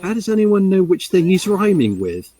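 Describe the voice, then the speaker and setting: A man's voice: big pitch swings, moderate pace, mellow. A man doing a whiny young fox sidekick. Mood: fussy. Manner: whiny, questioning, pitched up. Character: anxious young male fox sidekick, fussy.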